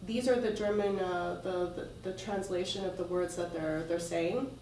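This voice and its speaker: A woman giving a conference talk in a casual, halting way, with loose phrasing and restarts. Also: fairly low pitch, steady tone, dark tone, a little hiss or hum. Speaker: conference presenter. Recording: echoey hall, mic far off.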